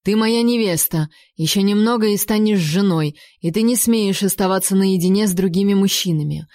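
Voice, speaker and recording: A woman's voice: mid-range voice, moderate pace, darkish tone, dry recording, clean studio sound, close to an everyday voice. A woman voicing a jealous, cold-tempered male king in an audiobook reading, with a mocking, commanding manner.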